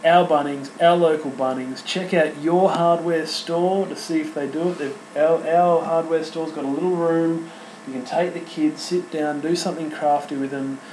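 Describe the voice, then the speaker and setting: An Australian man in his thirties hosting an unscripted solo podcast, chatty and sentimental, talking in halting bursts full of restarts and fillers. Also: fairly high pitch, steady tone, darkish tone, reverberant, slight background noise, rough recording. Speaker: podcast host. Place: home studio.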